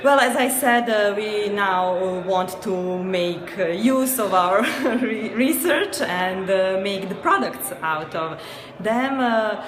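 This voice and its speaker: Unhurried Serbian-accented woman, echoey crowd. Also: mid-range voice, animated, noisy background. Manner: hesitant, many fillers, light laughs. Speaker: guest, company co-founder. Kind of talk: interview answers. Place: noisy event venue. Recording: echoey busy venue with crowd.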